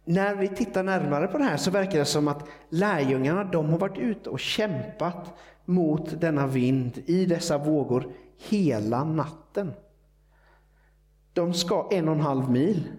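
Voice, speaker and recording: A man delivers a sermon in a relaxed, explanatory manner. His voice sits a little higher than most men's. He talks it through casually, with fillers and quick asides. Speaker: preacher.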